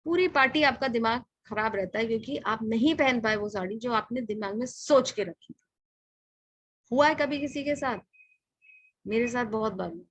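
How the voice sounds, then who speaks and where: A middle-aged Indian woman teaching how to present, talking in a brisk, direct coaching manner and moving between English and Hindi. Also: a little high, fairly bright tone, breathy edge, no echo, rough recording. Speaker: communication trainer.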